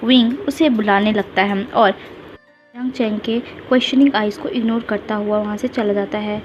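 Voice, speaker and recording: A woman narrating a retold fan fiction story at a steady storytelling pace. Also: mid-range voice, moderate pace, music in the background. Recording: dull lo-fi with faint hiss.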